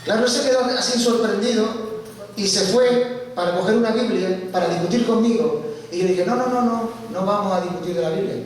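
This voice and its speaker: A man giving a church testimony, telling his story with animated, acted-out dialogue. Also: high-pitched, fairly quick. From Spain. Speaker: guest speaker giving testimony. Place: large church hall. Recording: echoey church hall from far off, faint hiss.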